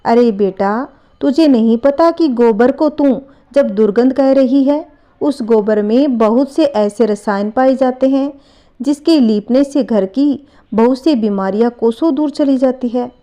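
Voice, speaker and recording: A devout old mother cries out and pleads in a mellow, slightly raised voice, done by a woman telling the tale. She laments in a broken, wailing way. The lines belong to a spoken folk story. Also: fairly high pitch, unhurried, close to an everyday voice. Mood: coaxing. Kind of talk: storytelling narration.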